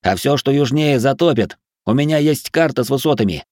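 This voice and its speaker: A man's voice: mid-range voice, lively intonation, fairly quick, a little mellow, dry recording, studio quality, voice pushed up, natural voice. A man voicing the first-person hero of an audiobook, speaking urgently and insistently. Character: determined young man, urgent leader.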